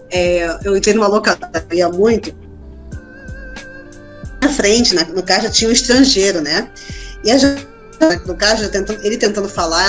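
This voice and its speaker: A woman from Brazil, a podcast guest, chatting casually and telling stories with lots of tag questions. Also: medium pitch. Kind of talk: casual interview chat.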